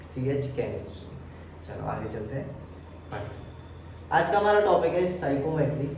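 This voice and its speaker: A man's voice: on the high side, very animated, normal speed, gravelly, background noise. A man teaching a chemistry lesson, asking the class questions and answering them himself. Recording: echoey room, mic far off.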